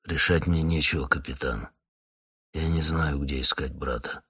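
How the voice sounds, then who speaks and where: A man voicing a tired, sullen middle-aged male hunter who mutters quietly. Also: very deep voice, fairly even intonation, measured pace, husky, voice pushed down, heavily acted. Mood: weary sullen.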